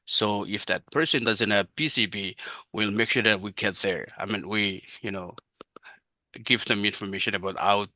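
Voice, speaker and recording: Halting man on a health panel. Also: on the low side, sharp tone, dry recording. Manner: halting, many restarts and fillers. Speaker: health department outreach worker. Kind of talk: webinar panel answer.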